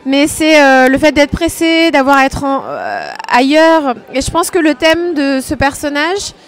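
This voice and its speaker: A woman's voice: high-pitched, big pitch swings, measured pace. A woman from France, a dancer being interviewed, talking casually and hesitantly, with many fillers.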